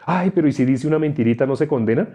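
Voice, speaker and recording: A preacher doing a fretful churchgoer. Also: male voice, a little high, very fast, mellow, lightly acted. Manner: fretful and pleading. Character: anxious longtime churchgoer fretting over small lies.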